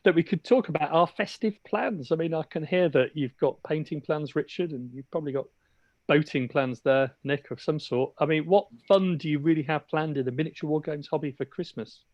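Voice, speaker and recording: A man's voice: on the high side, brisk, dry recording, muffled recording. A man hosting a casual hobby podcast over a remote call, with dry, teasing humour. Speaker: podcast host. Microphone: remote call mic.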